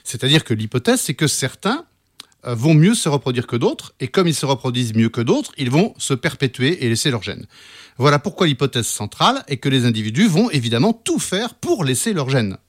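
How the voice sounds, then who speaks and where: A man's voice: medium pitch, sing-song, brisk. A man speaking as an expert guest in an interview, explaining conversationally and didactically, sometimes repeating words as he searches for phrasing.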